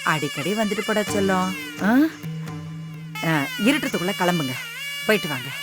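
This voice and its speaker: A woman's voice: mid-range voice, very animated, normal speed, over loud music, close to an everyday voice. A middle-aged woman playing a loving, ailing mother in a TV serial, tender and coaxing. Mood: tender tearful. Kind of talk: TV serial acting.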